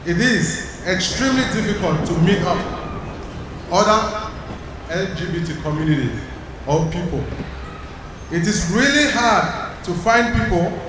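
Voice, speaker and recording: Man in an echoey church. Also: sits high. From Cameroon. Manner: measured, deliberate, reading a prepared statement. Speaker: congregant sharing a testimony. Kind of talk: prepared personal testimony at a church service. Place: large church sanctuary. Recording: echoey hall from far off, noisy.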